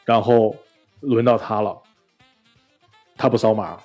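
A man co-hosting a casual chat podcast, telling a story with animated mimicry and many restarts. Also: on the low side, slow, faint music behind. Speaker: podcast co-host.

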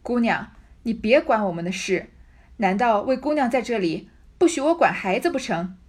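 A woman voicing a greedy, stubborn old female servant who scolds loudly in a read-aloud classic novel. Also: a little high, lively intonation, moderate pace. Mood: scornful.

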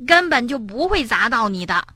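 A woman voicing a clumsy, stubborn young male frog in a storybook reading, soft and mumbling. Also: mid-range voice, moderate pace, no room sound, studio quality. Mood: sheepish.

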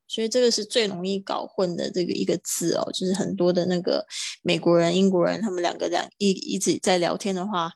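Lady teaching english words on a stream, kinda gravelly, stretches the words out slow. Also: fairly low pitch, no room sound. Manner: slow drawn-out model pronunciations between quick explanations. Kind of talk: livestreamed vocabulary lesson.

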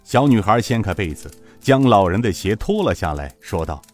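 A male narrator tells the story in a fairly low voice that rises and falls freely. He shapes each sentence with expressive, storytelling emphasis. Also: moderate pace, soft background music. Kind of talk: audiobook narration of a martial-arts novel.

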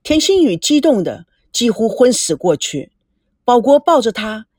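A woman narrating a novel as an audiobook, expressive and voicing the young characters too. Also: on the high side, measured pace, slightly rough, no echo, studio quality.

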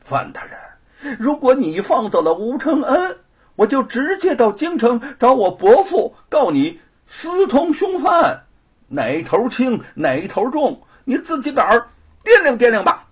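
Man putting on a nasty young rich bully, loud and sneery, husky edge. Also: very high voice, very animated, a little slow, voice pushed up, full character voice. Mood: menacing. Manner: shouting, sneering. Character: arrogant menacing young male noble bully.

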